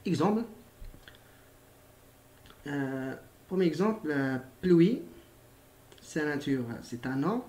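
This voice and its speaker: A man teaching a recorded grammar lesson to young pupils, in a fairly high voice. He is patient, repeats himself, spells out letters one by one and fills pauses with hesitations. The sound is echoey, as if from a bare room. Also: lively intonation, a little mellow. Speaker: primary school French teacher.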